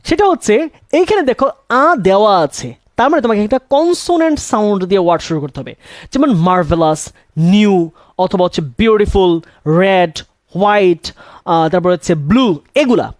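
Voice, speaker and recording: A man's voice: high voice, animated, normal speed, no echo, clean studio sound. A young man teaching English grammar, asking questions and answering them himself and repeating key words. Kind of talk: classroom-style grammar lesson.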